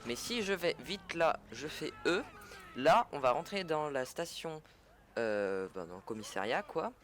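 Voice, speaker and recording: A man's voice: on the high side, lively intonation, measured pace, fairly bright tone, a little hiss or hum. Casual French-speaking man narrating gameplay. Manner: chatty, self-correcting, fillers. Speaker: gaming tutorial creator. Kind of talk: casual gameplay tutorial commentary.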